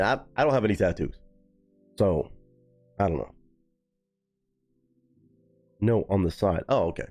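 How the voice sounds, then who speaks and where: A man's voice: lowish voice, darkish tone, husky. A man hosting a live stream in loose, casual chat, swearing freely and answering his chat.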